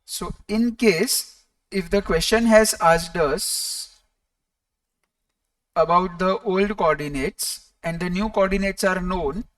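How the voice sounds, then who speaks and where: Slow, deliberate teacher, distant mic. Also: medium pitch, a bit bright, no room sound. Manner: deliberate, pausing between short phrases. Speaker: maths teacher. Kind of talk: lecture explaining coordinate geometry step by step. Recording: distant microphone.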